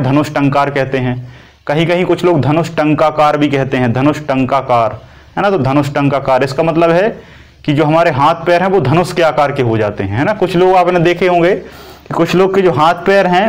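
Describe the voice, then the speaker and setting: Higher-pitched man teaching a class. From India. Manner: repetitive, asks and answers own questions. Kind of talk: coaching class lecture.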